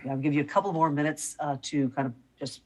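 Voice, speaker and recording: A woman chairing a public commission meeting over a video call, briskly managing speakers and time. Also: deep voice, darkish tone, rough recording.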